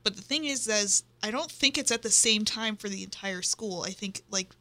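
A woman's voice: medium pitch, moderate pace, pushed and bright. A young woman in casual chat, thoughtful and hedging as she steers the topic.

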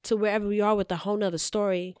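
A woman in casual chat, animated and swearing, acting out quotes from a sitcom. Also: medium pitch, rapid-fire, smooth, dry recording, clean studio sound.

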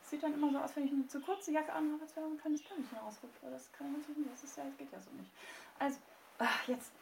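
A woman's voice: high voice, steady tone, fast, vocal fry, a little mellow, echoey room, a little hiss or hum, low-quality recording. A woman podcast host chatting casually while getting dressed, singing bits and laughing, swearing playfully.

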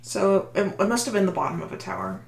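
A woman player in a tabletop game, chiming in with quick, wry comments and summaries. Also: mid-range voice, expressive, creaky, echoey room. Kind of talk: casual tabletop play.

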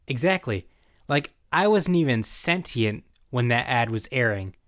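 A man's voice: mid-range voice, expressive, measured pace, fairly bright tone. A young man co-hosting a podcast in a casual, informal recap chat, given to swearing and paraphrasing dialogue. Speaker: podcast co-host.

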